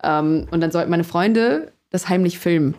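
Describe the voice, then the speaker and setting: A woman's voice: on the low side, normal speed, darkish tone. A young adult woman, a singer and guest, chatting loosely in an interview with many fillers and laughs. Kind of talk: casual storytelling interview.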